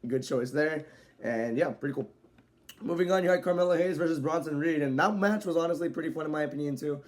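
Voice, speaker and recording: A man giving a casual, rambling video review, filling pauses with "so, yeah" and now and then speeding up. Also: fairly high pitch, darkish tone. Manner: rambling, loose delivery with frequent "so, yeah" fillers; at times speeds up. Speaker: wrestling show reviewer.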